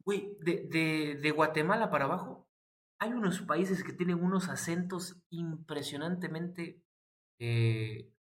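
Man, young adult, Mexican accent, somewhat high pitch, joking slangy podcast banter. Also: animated, a little slow, fairly bright tone. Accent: Mexican Spanish. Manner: slangy, joking, drops swear words. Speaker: podcast co-host. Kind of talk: casual chat.

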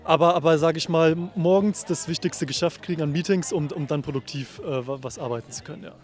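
A man with a slightly high voice answers questions outdoors at a party. He is hesitant, restarting and repeating words as he thinks. His talk is casual and friendly. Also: fast, faint music behind. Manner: hesitant, stammering, many restarts. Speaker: software developer.

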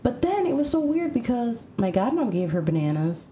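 A woman co-host in casual chat, blunt and quick to laugh. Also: a little high, sing-song, mellow, a little hiss or hum. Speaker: podcast co-host.

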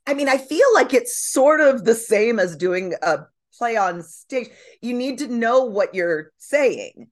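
Animated woman telling theater stories. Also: a little high, a little slow, hardly any pauses. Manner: animated storyteller, acts out quotes. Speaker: podcast guest, dramaturg. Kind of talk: casual chat.

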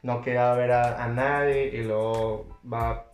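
A man's voice: mid-range voice, steady tone, a little slow. A young man with a Mexican accent, telling his side of a story in blunt, slangy casual chat as a podcast co-host. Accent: Mexican Spanish. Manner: slangy, blunt, often correcting the other. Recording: roomy echo, faint music.

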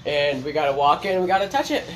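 A man's voice: a little high, very animated, fast, fairly bright tone. A young man co-hosting a casual podcast chat, joking around and laughing often. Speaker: podcast co-host. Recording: noisy podcast recording.

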